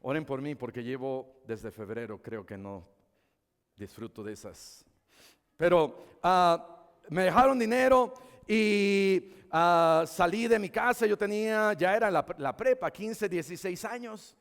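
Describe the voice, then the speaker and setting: A man's voice: sits high, a little slow, gravelly. A middle-aged man with a Mexican accent, a pastor telling a story in a sermon and building to impassioned crescendos. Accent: Mexican Spanish. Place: church hall. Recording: long church reverb.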